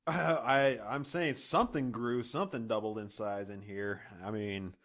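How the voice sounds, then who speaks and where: A man's voice: medium pitch, steady tone, normal speed, fairly bright tone. A man co-hosting a comedic podcast, joking playfully with innuendo and reading verses. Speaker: podcast co-host. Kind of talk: casual comedic chat.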